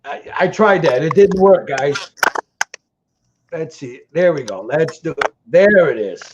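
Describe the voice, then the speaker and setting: A Chicago-accented man hosts a casual livestream, rambling with stammered restarts. His voice is a little high, expressive, and a little slow, while the stream audio is muffled and lo-fi with faint noise.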